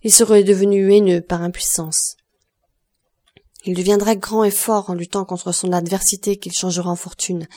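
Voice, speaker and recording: A woman's voice: mid-range voice, fairly even intonation, normal speed, mellow, lightly acted. A woman reading the part of a grave, composed count who speaks solemnly and consolingly in a storybook.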